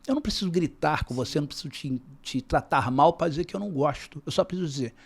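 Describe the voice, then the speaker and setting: A man speaking as a guest on a business podcast, calm and measured, often repeating words while he searches for them. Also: on the high side, creaky. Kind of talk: casual interview talk.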